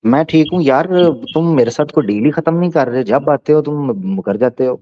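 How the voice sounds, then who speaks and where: A man's voice: fairly high pitch, warm tone, no room sound. Man pressing and lecturing, dull dry sound. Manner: teasing, pressing, then slow and lecturing when explaining. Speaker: debate host answering a questioner. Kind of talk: explanatory debate talk.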